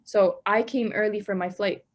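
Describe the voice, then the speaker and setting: A young woman from Palestine talks as an interview guest. She tells her story casually and acts out every side of the dialogue. Her voice sits in an ordinary middle pitch for a woman. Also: normal speed, dull audio. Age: young adult. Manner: animated retelling, acting out both sides of dialogue. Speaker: interview guest, law student.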